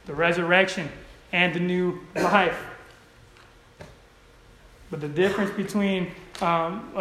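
A male pastor preaching a sermon. He keeps checking in with the congregation and swings from quiet asides to loud, shouted calls. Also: high voice, slight background noise. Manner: checks in with the congregation, asking "right?". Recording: echoey room.

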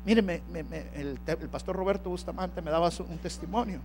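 A male pastor delivering an impassioned sermon that swings from hushed tones to shouting. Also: high-pitched, a little fast, background noise.

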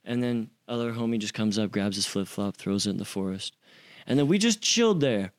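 A man's voice: lowish voice, lively intonation, brisk. A young man casually telling a story as an interview guest, acting out quotes with slang and swearing.

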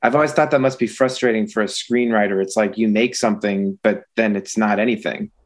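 A middle-aged man in casual chat about music, thoughtful and reflective, often pausing to find his words. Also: on the low side, fairly even intonation.

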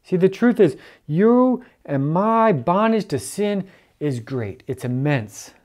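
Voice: mid-range voice, expressive, slow, a little mellow. A church elder preaching earnestly and stressing key points by repeating them. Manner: earnest, emphatic repetition.

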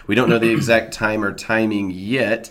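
A man's voice: lowish voice, flat delivery, moderate pace, a bit bright. A man hosts a podcast in a casual, upbeat way. A head cold leaves him stuffed up and a bit nasal. He slips into playful announcer flair when recapping scenes. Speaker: podcast host. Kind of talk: casual chat.

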